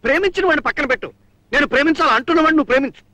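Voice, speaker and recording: A man's voice: very high voice, rapid-fire, sharp tone. A man playing a scheming, boastful middle-aged father in a comic old film drama, talking theatrically and wheedling. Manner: theatrical, wheedling, repeats a pet word. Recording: old film soundtrack with music.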